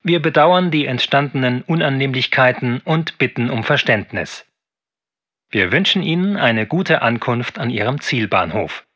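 A man reading a formal, measured train announcement over the intercom. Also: mid-range voice, animated, a bit bright. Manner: formal, measured, evenly paced. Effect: heard over a train intercom. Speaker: train announcer in a listening exam. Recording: dull, muffled intercom sound.

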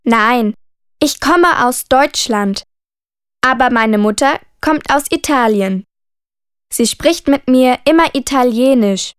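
A woman plays a friendly schoolgirl in a language-course listening dialogue. The voice sits high and the lines come slowly and with clear articulation. It is a dry, close studio recording. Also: expressive, no echo. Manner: slow, careful, clearly spoken.

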